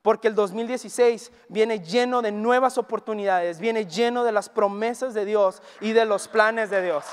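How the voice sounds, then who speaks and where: A man's voice: sits high, normal speed, few pauses, clear, resonant tone. A man with a Mexican Spanish accent preaching a Sunday sermon, telling a story and acting out the people in it. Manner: animated storyteller, acts out quoted dialogue. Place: church hall. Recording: reverberant hall.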